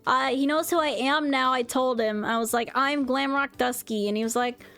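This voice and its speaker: Chatty higher-voiced woman streamer. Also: steady tone, moderate pace, fairly bright tone, faint music behind. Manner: chatty, rambling, lots of "like" and restarts. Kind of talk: casual chat recounting a convention.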